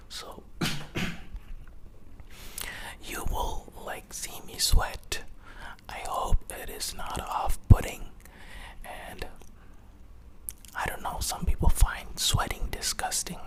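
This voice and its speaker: A young adult vlogger whispering breathily with a sore throat, hesitant and apologetic, barely able to talk. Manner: hesitant, apologetic, halting phrasing. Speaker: YouTube vlogger. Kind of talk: whispered confessional vlog. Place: small hot room without fan or air conditioning.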